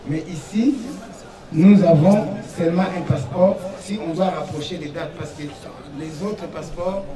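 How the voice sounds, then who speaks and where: A man's voice: on the high side, unhurried, warm tone. Guy going over dates at a court hearing, hesitant, far off mic, roomy echo. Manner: methodical, hesitant, restates dates. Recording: echoey room from far off.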